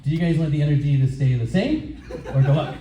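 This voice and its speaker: A man's voice: fairly high pitch, fast talker. A man on stage as an open mic host, hyping up the room to introduce performers. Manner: hyping up the crowd. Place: live comedy venue on stage. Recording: echoey room, distant, loud crowd.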